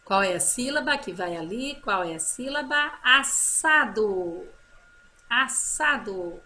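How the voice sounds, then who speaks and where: A woman teacher giving a children's phonics lesson, drawing out example words slowly and praising her pupils. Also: a little high, animated, bright, forceful tone. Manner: slow drawn-out model words, encouraging teacher talk.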